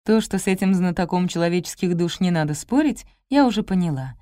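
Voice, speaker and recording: A woman narrates a first-person detective story in a light, lively manner. Her voice sits low and sounds warm and mellow. The recording is dry and close, with no room sound. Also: a little fast, no echo. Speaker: audiobook narrator.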